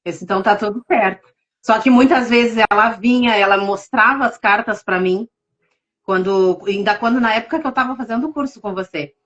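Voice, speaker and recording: A Brazilian woman, a tarot reader, telling her story with deep emotion in a live interview over a video call. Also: fairly quick, a bit bright, lo-fi sound. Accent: Brazilian Portuguese. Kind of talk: casual testimony in a live interview.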